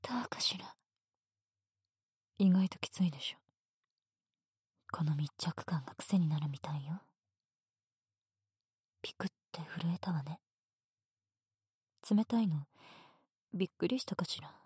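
A woman voicing a teasing, domineering female teacher in a whispered roleplay, speaking in a soft, breathy, bossy way. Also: fairly low pitch, a little slow, long pauses, no echo, studio quality. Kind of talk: erotic ASMR roleplay.

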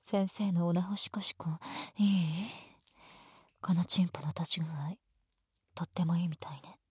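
A woman playing a breathy, whispering teasing teacher. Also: fairly low pitch, steady tone, moderate pace, dry recording, studio quality. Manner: soft whispered teasing, bossy. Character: teasing, domineering adult female teacher. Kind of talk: erotic ASMR roleplay.

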